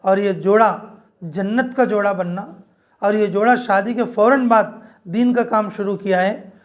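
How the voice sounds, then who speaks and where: A man's voice: sits high, steady tone, unhurried. A man. His informal sermon to a women's group is earnest and repetitive. He speaks directly to his listeners. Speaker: Islamic preacher.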